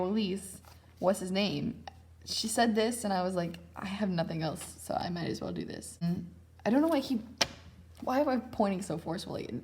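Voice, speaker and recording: A woman's voice: mid-range voice, mellow. A young woman casually narrating a sketchbook tour, chatty and self-mocking, with lots of slang. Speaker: vlogger.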